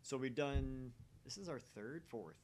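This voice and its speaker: A man's voice: medium pitch, expressive, a little slow, a little mellow, a little hiss or hum. A man chatting casually as he hosts a visual novel reading stream. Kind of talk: casual chat.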